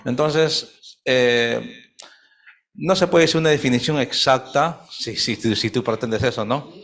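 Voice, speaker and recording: A man in a church youth group reading a Bible verse slowly and answering a question. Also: mid-range voice, fairly bright tone.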